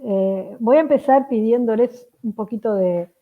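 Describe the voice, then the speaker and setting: A woman with a tired voice, giving an earnest, measured reflective talk to teachers. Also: fairly high pitch. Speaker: education speaker. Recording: phone-like narrow sound.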